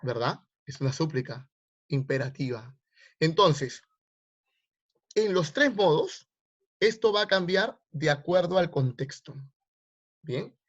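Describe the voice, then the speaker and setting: A man's voice: fairly high pitch, animated, slow pace, pauses often. A male teacher, teaching grammar online and quizzing his students with repeated questions. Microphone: video call. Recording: lo-fi online class audio.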